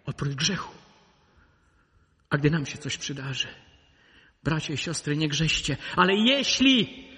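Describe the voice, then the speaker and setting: High, bright-voiced preacher in a reverberant hall. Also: male voice. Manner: emphatic preaching that swings between loud peaks and low intimate asides. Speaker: pastor. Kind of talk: sermon.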